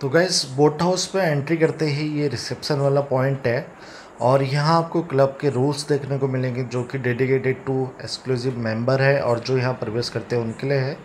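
A man's voice: mid-range voice, steady tone, normal speed. A man in his thirties with an Indian accent, giving chatty tour-guide commentary for a travel vlog, filmed on a phone held at arm's length. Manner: chatty tour-guide commentary, mixing English words into Hindi. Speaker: travel vlogger host. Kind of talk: casual travel vlog narration. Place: in a car, then outdoors by a lake and inside a wooden club. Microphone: phone camera at arm's length. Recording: noisy phone recording with car and street noise.

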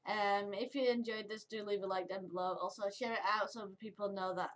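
A woman's voice: medium pitch, steady tone, quick pace. A woman chatting casually to camera for her vlog, giggly and upbeat. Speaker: vlogger.

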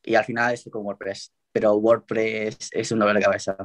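A young man with a Spain Spanish accent answers interview questions in a loose, rambling way, pausing on fillers. His voice sits low and stays flat in pitch. He sounds casual and unhurried. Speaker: guest tiktoker.

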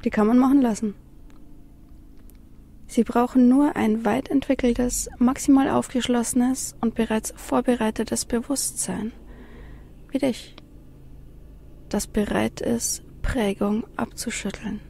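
A woman reciting her own spiritual text in a slow, dreamy, incantatory way, often dropping into a gravelly whisper. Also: a little high, steady tone, warm tone, slight background noise. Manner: slow, dreamy, incantatory, mixing in English phrases.

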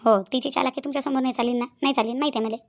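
A woman voicing a bossy gossiping village aunt, high and fast. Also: steady tone, vocal fry. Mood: boastful. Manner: scolding, boastful, quick chatter. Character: bossy gossiping older village woman, proud and sharp-tongued. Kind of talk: cartoon voice acting.

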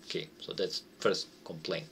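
Playtesting a board game he designed, a man gives a relaxed, unscripted walkthrough from a small room at home. He speaks English, not his native language, at a moderate pace in a fairly bright voice, pausing to find words.

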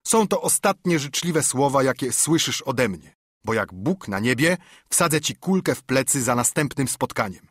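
A man's voice: mid-range voice, very animated, moderate pace, breathy edge, no echo, clean studio sound. A man voicing a stern naval captain. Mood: defiant. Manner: commanding, curt, scornful.

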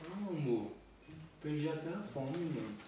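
A man's voice: a little high, lively intonation, normal speed, recorded from a distance, background noise. A young man in a casual chat, slangy and saying mano a lot. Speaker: pranked boyfriend. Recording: echoey room, off-mic, faint music.

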